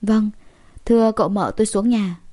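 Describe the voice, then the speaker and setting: Give me a woman playing a deferential older female house servant with a flat voice. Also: mid-range voice, moderate pace, close to an everyday voice. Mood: dutiful.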